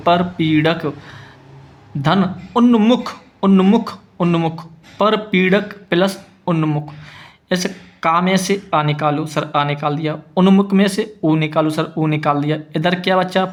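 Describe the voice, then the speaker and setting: A man's voice: high voice, lo-fi sound. A man teaching a grammar lesson, patiently repeating each word and answering his own questions.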